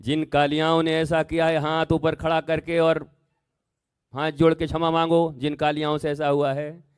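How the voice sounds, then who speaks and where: A man giving a devotional sermon as a spiritual teacher, swinging from soft asides to loud exhortations and acting out story dialogue. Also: a little high, level tone, moderate pace, clean tone. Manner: acts out dialogue between figures in the story.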